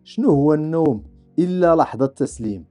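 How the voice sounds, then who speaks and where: A man with a Moroccan accent narrates a podcast in a reflective, rhetorical style. His voice is very dark and mellow yet sits a touch high, and faint music plays underneath. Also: animated, brisk. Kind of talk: scripted narration.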